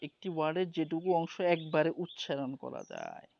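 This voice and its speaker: A man's voice: a little high, wildly swooping pitch, creaky, darkish tone. Patient man teaching an English class. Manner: patient, explains slowly, often checks understanding. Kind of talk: online class lesson. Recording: dull lo-fi audio with background noise.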